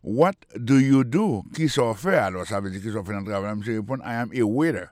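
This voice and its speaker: Here the teacher's voice is on the low side, expressive, a bit fast and a little mellow, captured dry at studio quality. Hosting his radio language lesson, he patiently repeats phrases and spells words letter by letter.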